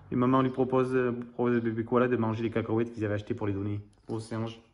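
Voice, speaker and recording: A man's voice: medium pitch, fast. A man reading a picture book aloud to young children, talking to them directly and then quizzing them. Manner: animated, addresses children directly. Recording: roomy echoey room.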